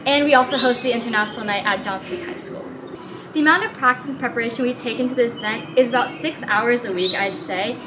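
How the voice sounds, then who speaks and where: A woman's voice: on the high side, fast. Cheerful teen girl outdoors. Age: teens. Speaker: student club president. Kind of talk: interview to camera. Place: school courtyard, outdoors. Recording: outdoor ambient noise.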